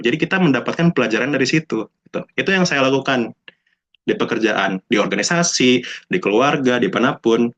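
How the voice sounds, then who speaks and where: A man's voice: mid-range voice, fairly bright tone. A young man speaks in a mid-range voice, talking casually to a room of students. He keeps it chatty, slips into English phrases and acts out the people he quotes. The recording sounds dull and lo-fi. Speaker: alumnus speaker.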